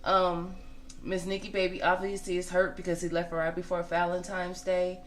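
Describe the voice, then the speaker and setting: A woman's voice: fairly low pitch, little pitch movement, normal speed. An American woman of forty giving casual gossip commentary in a blunt, conversational way, repeating points for emphasis.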